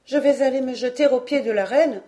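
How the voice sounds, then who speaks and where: Brief: storybook orphan girl, high and imploring, mellow tone, voiced by a woman narrator. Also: brisk, natural voice. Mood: determined. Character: distraught teenage girl, brave and tearful.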